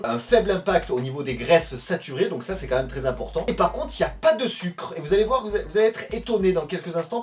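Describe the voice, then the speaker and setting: A man's voice: a little high, recorded from a distance. A man from France chatting through a casual food comparison vlog, talking to viewers as friends, with lots of fillers and asides. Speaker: food review vlogger.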